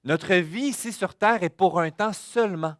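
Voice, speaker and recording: A male pastor, preaching a sermon in an earnest way that swings between hushed warnings and emphatic declarations. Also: high-pitched, moderate pace, no echo, studio quality.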